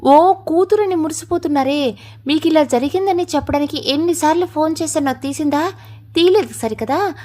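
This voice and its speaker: A harsh, bitter middle-aged mother, as a woman reader puts her on, voiced high and sharp-tongued. She scolds in a scornful, biting way, as in a spoken family storybook. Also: normal speed, lightly acted. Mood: scolding.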